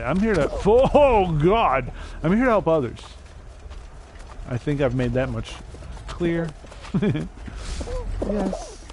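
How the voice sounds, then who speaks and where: A man's voice: mid-range voice, a little mellow, slight background noise. A young man streaming a game, rambling and mocking himself, now and then breaking into silly made-up songs. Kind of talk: casual gaming stream chatter. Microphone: desk mic.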